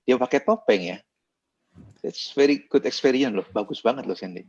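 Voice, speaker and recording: A man's voice: medium pitch, expressive, moderate pace, a little mellow, slightly rough. A father speaking over a video call, reflective and easygoing in casual chat. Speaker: father, guest. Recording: dull, lo-fi line.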